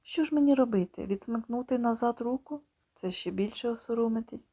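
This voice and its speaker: A woman reading a children's story in slow, expressive scripted narration, sometimes dropping to a whisper. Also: a little high. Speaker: audiobook reader.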